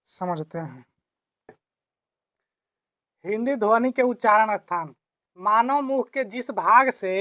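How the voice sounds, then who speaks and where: A woman's voice: medium pitch, dry recording, clean studio sound. A woman teacher explaining a grammar lesson, repeating key phrases and answering her own questions.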